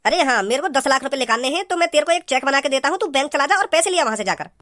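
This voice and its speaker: A woman's voice: high-pitched, lively intonation, racing, a bit bright, no echo, studio quality. Woman doing a stern impatient cartoon dad. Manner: ordering, impatient. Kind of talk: cartoon comedy voice acting.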